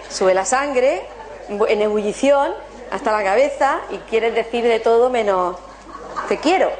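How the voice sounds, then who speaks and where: A woman giving an animated motivational talk to an audience, asking them rhetorical questions. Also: on the high side, noisy background. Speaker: spiritual workshop speaker.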